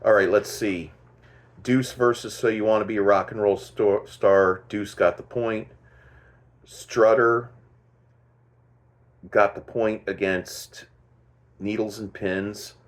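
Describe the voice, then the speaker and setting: A man with a fairly low voice talks slowly and unhurriedly, giving casual commentary as the host of his own show. He thinks aloud and often stops to correct himself. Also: steady tone.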